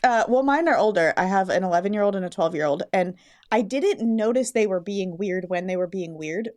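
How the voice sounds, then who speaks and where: A woman's voice: medium pitch, lively intonation, brisk, darkish tone. Chatty woman podcast co-host. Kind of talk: casual chat.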